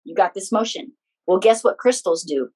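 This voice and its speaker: A woman with a mid-range, somewhat dark-toned voice talks as an interview guest and healing practitioner. She explains things in a conversational way, proceeding in halting steps and restarting phrases.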